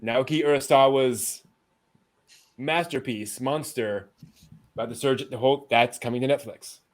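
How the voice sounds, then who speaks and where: A man hosts a casual anime news rundown alongside co-hosts, speaking in an unhurried, mid-range voice. His delivery is hesitant and conversational.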